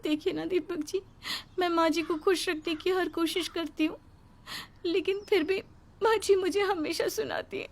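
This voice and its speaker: A woman voicing a meek young wife in a cartoon story, soft and pleading. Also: very high voice, fairly even intonation, normal speed, pitched above the performer's own voice. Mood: tearful. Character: meek tearful young wife, eager to please.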